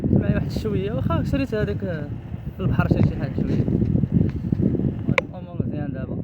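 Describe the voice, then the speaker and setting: A man's voice: sits high, big pitch swings, highs cut off. A man with a Moroccan accent chatting casually to viewers in a loose, repetitive way, recorded outdoors with wind on the mic. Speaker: cycling travel vlogger. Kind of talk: casual vlog chat to viewers. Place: outdoors on a coastal bike trip. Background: loud wind-like rushing noise.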